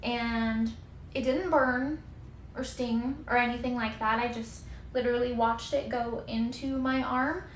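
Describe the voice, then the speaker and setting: A woman's voice: fairly high pitch, fairly even intonation, unhurried, reverberant, a little hiss or hum. A woman in her twenties telling a personal story in a casual, chatty, rambling way, often interrupting herself and exaggerating for effect. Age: 20s. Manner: chatty, rambling, self-interrupting, given to hyperbole.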